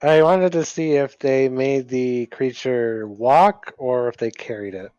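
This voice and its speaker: A man playing a tabletop role-playing game, phrasing things haltingly and deliberately, in and out of character. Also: mid-range voice, darkish tone, clean tone, dry recording, lo-fi sound. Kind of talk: casual game play, speaking in and out of character. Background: music.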